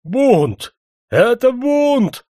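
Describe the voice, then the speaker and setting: A man voicing an arrogant, bilious prince-general who shouts commands at a crowd. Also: extremely high pitch, big pitch swings, extremely slow, no echo, clean studio sound, pitched above the performer's own voice, full character voice. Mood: hysterical. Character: bilious arrogant old prince-general, hysterical when defied.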